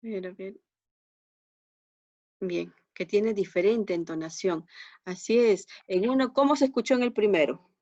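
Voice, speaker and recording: A woman's voice: medium pitch, measured pace, long pauses, dark tone, no echo. Woman teacher on a dull, muffled line. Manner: patient, checks understanding with frequent tag questions. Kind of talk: online class instruction. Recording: dull, muffled lo-fi class recording.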